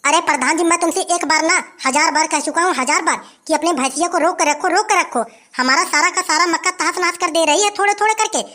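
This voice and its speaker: A performer voicing an angry old farmer in a who shouts complaints and threats. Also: very high-pitched, fast talker, few pauses. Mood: angry complaining. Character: grumpy old village man, angry farmer.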